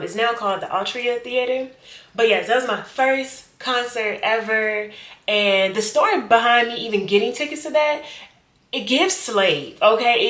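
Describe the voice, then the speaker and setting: A woman, chatting casually and animatedly to her vlog viewers, full of slang and quick laughs. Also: medium pitch, fairly bright tone. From Richmond, Virginia. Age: 20s. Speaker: vlogger. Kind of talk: casual get-to-know-me vlog. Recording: echoey room.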